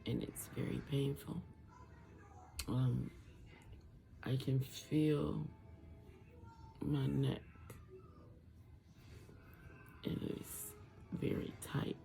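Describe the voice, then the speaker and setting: A tired, medicated twenty-nine-year-old with a sore, muffled, thick voice from a swollen throat after tonsil surgery, talking casually and haltingly to camera. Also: mid-range voice, gravelly, dark tone. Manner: halting, rambling. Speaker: vlogger sharing surgery recovery. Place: room at home.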